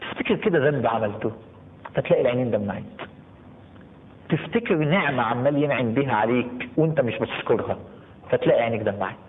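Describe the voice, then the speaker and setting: A man's voice: mid-range voice, fast, a little hiss or hum. A man with an Egyptian Arabic accent preaching a live sermon and keeping the audience engaged with frequent questions to the crowd. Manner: animated, keeps asking the crowd questions. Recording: tinny phone-like sound with long hall reverb.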